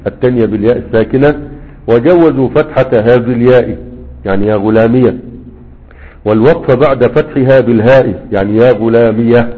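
In a mid-range, slightly rough voice, an Egyptian-accented man leads a grammar lesson built on recitation and explanation. He recites verses and tests listeners with rhetorical questions, and the audio has a tinny, phone-like quality.

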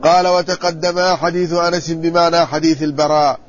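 High-voiced man teaching a hadith lesson. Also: little pitch movement, a little hiss or hum. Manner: measured, explanatory, checks the text with students. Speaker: Islamic scholar teaching hadith. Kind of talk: classroom hadith commentary. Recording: muffled lo-fi recording with faint ambience.

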